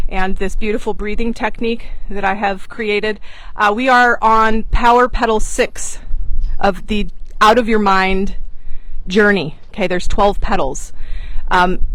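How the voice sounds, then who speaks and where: A woman's voice: medium pitch, fairly bright tone, no echo, poor audio. A woman giving a casual, heartfelt spiritual talk to her followers, earnest and chatty with frequent fillers, recorded on a boat outdoors. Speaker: online mentor and course host.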